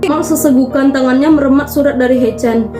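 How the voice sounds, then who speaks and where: A woman's voice: high-pitched, fairly even intonation, fairly quick. A young woman who reads a story aloud and reacts to it, crying and laughing through tears with plenty of slang. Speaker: fanfiction reaction vlogger. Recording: echoey room with music behind.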